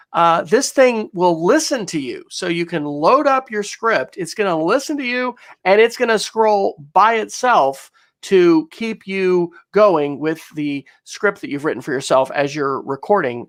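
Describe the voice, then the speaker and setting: A man's voice: high voice, vocal fry, fairly bright tone. A man co-hosting an education technology podcast, upbeat and enthusiastic as he recommends websites in casual talk. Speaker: podcast co-host. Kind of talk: casual tech chat.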